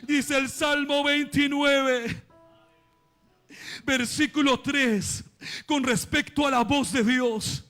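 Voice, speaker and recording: A man preaching an impassioned sermon to a church congregation, repeating phrases and building to shouted climaxes. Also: very high-pitched.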